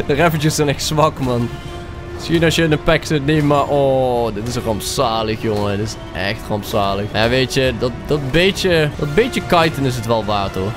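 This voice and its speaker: A young man with a Dutch accent, commentating his own gameplay, excitable, swearing and dropping English slang into his talk. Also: fairly high pitch. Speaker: gaming YouTuber.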